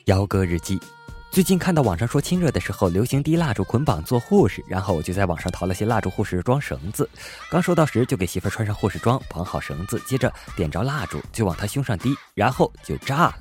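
A man hosting a comedy show, reading jokes in a playful storytelling manner with loud punchlines. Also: on the low side, big pitch swings, fast talker, soft background music. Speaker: comedy radio host. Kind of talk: comic joke reading.

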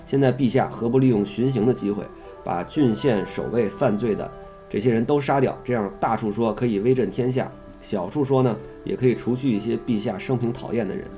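A man with a warm, mellow voice reads an old history text in a steady, unhurried way. He keeps stopping to ask questions and make casual remarks. Soft guitar music plays quietly behind him. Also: medium pitch. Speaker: reader and explainer of a classical history text. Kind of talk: reading a classical text aloud and chatting about it.

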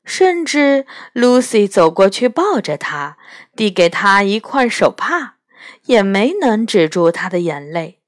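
A woman reading a children's storybook aloud slowly, expressively and gently. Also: medium pitch, sing-song, no room sound, clean studio sound.

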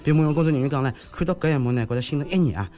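A man's voice: fairly high pitch, racing, dark tone, faint music behind. A man with a Shanghai accent hosting a podcast, giving humorous news commentary in a joking, teasing manner. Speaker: host of a comedy news podcast.

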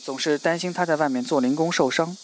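A man narrating a novel in a steady, even storytelling manner. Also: fairly high pitch, quick pace, slight background noise. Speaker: audiobook narrator. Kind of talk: scripted narration.

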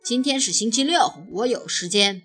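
A woman voicing a mild, patient father who speaks gently and hesitantly. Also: a little high, animated, normal speed, slightly rough, soft background music. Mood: gentle.

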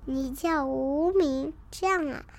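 A woman doing a tearful little baby dinosaur. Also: sits high. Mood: shy. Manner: slow, tearful childlike pleading. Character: small crybaby baby dinosaur, sweet and polite.

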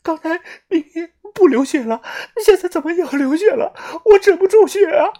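Panicked, crying young man, high-pitched and strained, voiced by the narrator. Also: animated, normal speed, dark tone.

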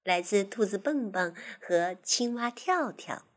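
A woman telling a children's story, gently coaxing and talking directly to the little listener. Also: medium pitch, animated, slow pace.

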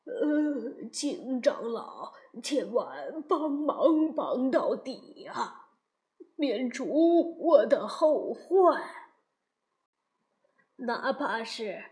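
A woman voicing an anxious old landowner who pleads slowly and draws out his words. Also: a little high, sing-song, a little mellow, heavily acted. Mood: pleading. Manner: slow, pleading, drawn out.

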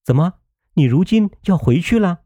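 A man's voice: medium pitch, big pitch swings, normal speed, warm tone, no echo, clean studio sound. A man voicing a doting young nobleman who speaks eagerly and placatingly in a storybook reading. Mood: eager, earnest.

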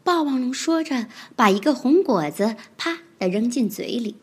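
A woman reading a children's picture book aloud, with expressive storytelling. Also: a little high, normal speed, breathy edge.

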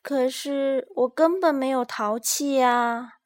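A woman's voice: sits high, slow, pitched above the performer's own voice. A woman doing a small worried boy. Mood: wistful. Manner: anxious, questioning.

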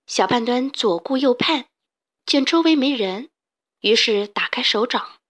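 A woman tells a children's story with clear, expressive reading. Her voice sits a bit higher than most women's. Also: unhurried. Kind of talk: scripted storybook narration.

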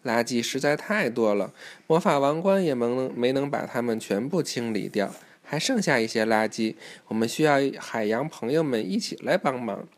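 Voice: mid-range voice, expressive, normal speed, few pauses. Parent storyteller, read-aloud for a young child, instructive and inviting answers. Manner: instructive, asks the listener questions.

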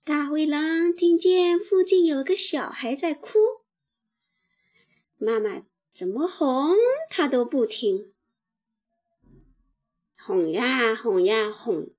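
Woman teacher reading a kids bedtime story, high voice, really slow, kinda dull sound. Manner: slow, gentle, lively storytelling. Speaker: teacher telling children's stories. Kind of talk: bedtime story narration for children.

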